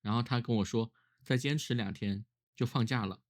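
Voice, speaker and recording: A man's voice: medium pitch, normal speed. A man who is ill with a cough, talking casually and reflectively on his own in a weary, musing way, as a solo vlogger.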